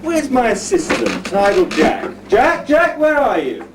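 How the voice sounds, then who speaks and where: A man's voice: very high-pitched, big pitch swings, measured pace, full character voice. A man playing a pompous, fussy alderman who scolds his lazy assistant, on an amateur village pantomime stage recorded from far off. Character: fussy pompous middle-aged male alderman shopkeeper. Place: pub skittle alley stage with audience. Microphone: far audience camera. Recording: distant live stage recording, background noise.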